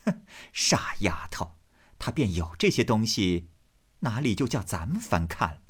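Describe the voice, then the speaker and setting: A sharp-tongued, jealous noblewoman, as a man puts her on in a storybook reading. She speaks slowly and coldly with biting sarcasm, her voice husky. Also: fairly low pitch, big pitch swings. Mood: sarcastic. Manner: cold, sarcastic.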